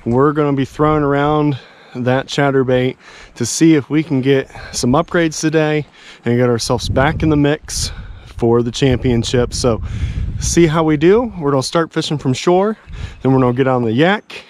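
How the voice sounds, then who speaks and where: This middle-aged fishing vlogger speaks at normal speed in a medium-pitched, darkish voice, with a little hiss or hum in the recording. He narrates informally to viewers and himself by and on a pond, capturing it on an action camera either handheld or worn.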